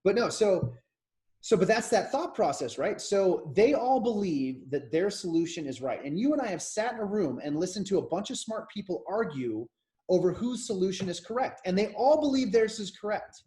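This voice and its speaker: A high-pitched, dark-toned voice with big pitch swings comes from an American man in his thirties co-hosting a podcast. At a normal speed, he rambles through casual, opinionated political talk, often starting over.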